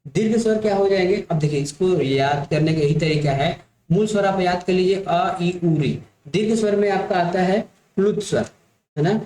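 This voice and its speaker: A man teaching an exam-prep grammar lesson. He explains slowly, repeats each point and keeps checking that his listeners follow. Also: high voice, a little mellow, echoey room, rough recording.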